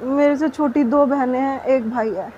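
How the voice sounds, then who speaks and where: A woman's voice: high-pitched, fairly even intonation, normal speed, mellow. A young woman giving an earnest, detailed account in a news interview. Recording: dull muffled audio with faint noise.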